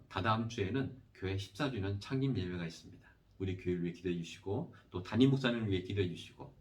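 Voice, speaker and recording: A man preaching as a missionary, then leading a congregation in earnest, pleading prayer in a church service. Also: lowish voice. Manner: earnest, pleading prayer cadence with repeated address to God. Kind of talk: sermon and led congregational prayer. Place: church sanctuary.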